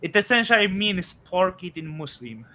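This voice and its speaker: A man in his thirties hosts a loose crypto chat, his voice very bright and a touch high. He talks in halting bursts, full of fillers and restarts. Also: sing-song. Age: 30s. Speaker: host. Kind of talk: casual crypto podcast chat.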